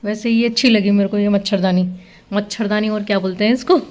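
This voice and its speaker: Holding her phone as she narrates her day outdoors, from the garden at home to a park later, this middle-aged woman vlogs about her family day, addressing viewers directly with loud laughs. She speaks quickly at a medium pitch with fairly even intonation.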